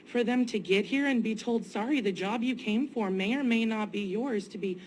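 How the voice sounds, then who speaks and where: A woman's voice: a little high, moderate pace, a little mellow. A woman delivering a formal, emphatic public comment at a meeting. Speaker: citizen giving public comment at a county meeting. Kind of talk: impassioned public statement. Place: indoor public meeting room. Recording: noisy meeting room ambience.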